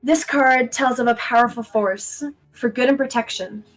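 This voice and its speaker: A woman voicing a solemn, mystical fortune-teller in a tabletop game, speaking slowly and theatrically of destinies. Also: a little high, steady tone, soft background music, lightly acted, low-quality recording. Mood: ominous. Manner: slow, portentous, theatrical. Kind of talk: tabletop role-play acting.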